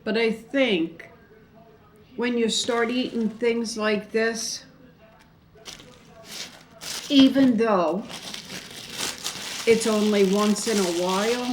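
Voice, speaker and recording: A middle-aged woman chatting casually to viewers on an eating show, chewing while talking, in a halting way with pauses. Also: on the high side, steady tone, slight background noise, low-quality recording. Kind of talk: casual mukbang chat to viewers.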